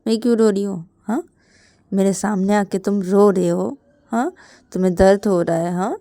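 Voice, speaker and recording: A woman's voice: medium pitch, moderate pace, dark tone, no echo, natural voice. Woman playing a fussing loving mother. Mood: coaxing concern. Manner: coaxing, repetitive questioning.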